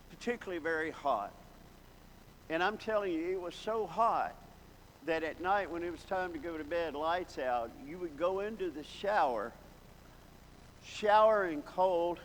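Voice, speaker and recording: Folksy male preacher, fairly high voice, long church-hall reverb. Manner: folksy, reminiscing, building to emphatic exclamations. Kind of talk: sermon with storytelling. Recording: long hall reverb, faint background noise.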